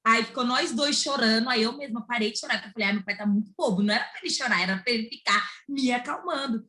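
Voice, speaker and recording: A woman's voice: a little high, fast talker. A young woman with a Brazilian Portuguese accent, telling a personal story in casual chat and acting out the quoted lines. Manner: animated, acts out quoted dialogue.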